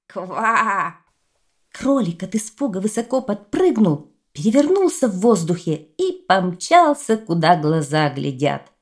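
A woman reading a children's fairy tale aloud as narrator, in an expressive storytelling manner. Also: on the low side.

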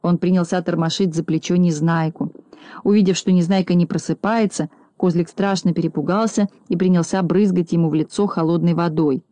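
A woman reading a children's storybook aloud in a calm, measured narration. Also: lowish voice, no room sound. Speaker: audiobook narrator.

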